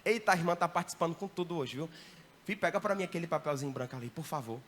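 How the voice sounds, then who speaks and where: A man with a bright, slightly high voice teaches a church training session as a missionary. He speaks in a lively way and keeps checking in with the listeners in the hall. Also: racing, a little hiss or hum.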